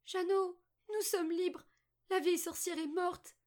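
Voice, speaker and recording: A gentle, clever little girl from a storybook, voiced by a woman narrator. Her voice sits well above the reader's own and stays soft and earnest. She sounds pleading and sincere. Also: sits high, moderate pace, pitched above the performer's own voice, lightly acted.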